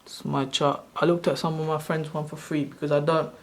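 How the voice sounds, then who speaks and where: A man in his thirties, from Sri Lanka, walking viewers through a tutorial on his screen. His voice sits a little high for a man and stays flat, with little rise and fall. He wanders off track and corrects himself mid-sentence, like someone chatting casually rather than reading a script. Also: brisk. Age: 30s. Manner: loose, rambling explanation with self-corrections. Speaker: channel host.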